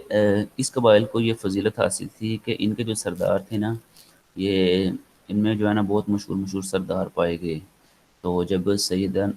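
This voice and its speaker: A man's voice: low voice, creaky, a little mellow, slight background noise, poor audio. Rambling Pakistani man lecturing online. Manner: rambling, many fillers, switches into English. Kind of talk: online lecture, casual explaining.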